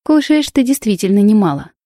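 Audiobook: woman voicing a bold girl artist, bright and teasing, higher than her own warm voice, dry sound. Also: brisk, no room sound, lightly acted. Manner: excited, exclaiming, teasing. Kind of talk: audiobook reading.

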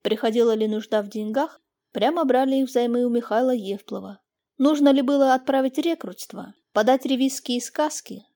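A woman reading classic prose as an audiobook narrator, in an even, measured way. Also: a little high.

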